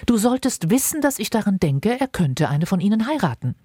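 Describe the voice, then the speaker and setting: A woman acts out a fussy, marriage-obsessed mother in an audiobook reading, insistent and gushing. Her voice climbs well above a low, slightly husky base. It swoops widely and sounds dry and close. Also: very animated, fairly quick, dark tone, no room sound. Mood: eager, insistent. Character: fussy excitable middle-aged mother eager to marry off daughters. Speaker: reader.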